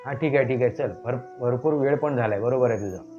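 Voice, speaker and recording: An insistent young man who has just returned home presses his family with pleading, pushy questions, as a male storyteller voices him. The voice stays close to the narrator's own, at a middle pitch. The audio is muffled and lo-fi, with soft music behind it. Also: a little fast, close to an everyday voice. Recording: dull lo-fi recording with faint music.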